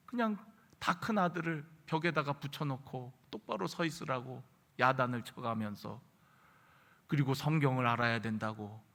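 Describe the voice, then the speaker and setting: A man's voice: mid-range voice, a bit bright. A man preaching a midweek sermon as pastor, telling a story earnestly and rising to emphatic peaks. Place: church sanctuary. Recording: reverberant church hall.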